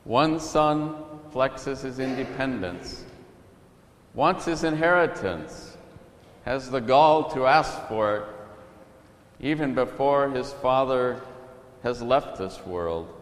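A middle-aged man, a priest, reading the gospel and giving a calm storytelling sermon. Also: mid-range voice, slow pace, slight background noise. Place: church. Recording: echoey church from a distance.

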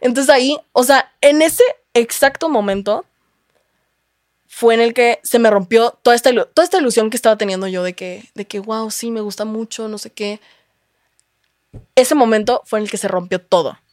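A woman's voice: a little high, fairly quick, no room sound. Candid young Mexican woman, dry sound. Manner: candid storytelling with slang and swearing. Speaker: guest. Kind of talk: casual chat.

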